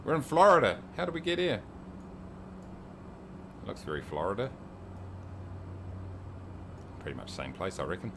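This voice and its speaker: A streamer flies a sim on a livestream, chatting casually, joking, and reading viewer comments aloud. His voice is on the low side with wildly swooping pitch and a fairly quick pace, over background noise.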